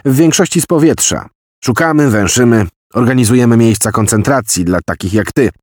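A man's voice: medium pitch, a little fast, no echo, clean studio sound, pitched above the performer's own voice, close to an everyday voice. A man voicing an agitated American general who heads an intelligence office, given to long declamatory tirades. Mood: commanding. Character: blustering American general, spy chief.

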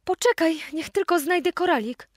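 A woman's voice: very high voice, moderate pace, no room sound, studio quality, pitched above the performer's own voice. A woman voicing an eager, anxious young girl in a storybook reading, with an earnest, pleading manner.

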